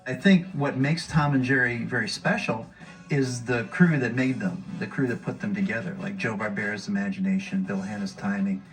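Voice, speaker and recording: A man's voice: lowish voice, steady tone, normal speed. A man enthusiastically describing animators' work in detail in a documentary interview. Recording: distant mic with faint music.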